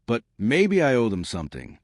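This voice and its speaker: A man voicing a grieving young widow, weary and guarded, speaking quietly and rawly. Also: medium pitch, wildly swooping pitch, normal speed, dry recording, clean studio sound. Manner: quiet, raw.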